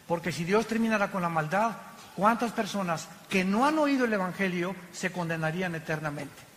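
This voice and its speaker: A man preaching a passionate sermon from the pulpit, with sudden loud exclamations. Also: high voice, a little hiss or hum. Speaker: pastor. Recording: long hall reverb.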